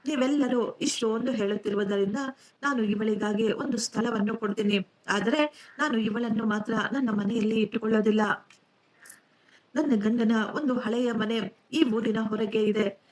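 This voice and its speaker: A woman's voice: a little high, steady tone, moderate pace, darkish tone, close to an everyday voice. A woman voicing a harsh scolding mother-in-law. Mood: placating. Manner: cold and scolding. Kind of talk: storybook narration.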